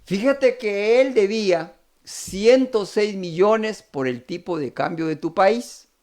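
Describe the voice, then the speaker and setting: His pitch is high and his pace slow as this Costa Rican Spanish-accented preacher brings a parable to life. He animatedly voices the characters' pleas.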